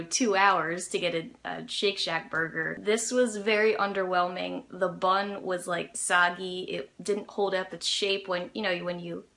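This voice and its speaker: A woman's voice: mid-range voice, pushed and bright. A young adult woman hosting a food review, talking casually to camera with lots of "you know" and "like". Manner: chatty, with fillers like "you know" and "like".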